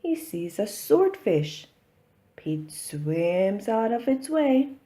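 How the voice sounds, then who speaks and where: Slow, lively woman reading a picture book. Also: mid-range voice. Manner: simple, deliberate storytelling for young children. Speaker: children's storybook reader. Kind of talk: expressive read-aloud picture-book narration.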